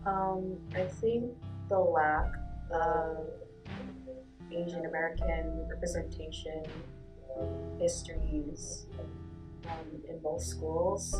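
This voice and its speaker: A woman's voice: low-pitched, rough recording. A young adult woman from Boston answering carefully in a casual interview. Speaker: student interviewee.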